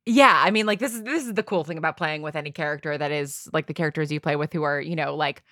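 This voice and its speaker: An audio drama writer, a woman, is interviewed casually, thinking aloud in a meandering way peppered with "like" and "you know." Her low voice is quick and fairly bright, captured in studio quality with no room sound.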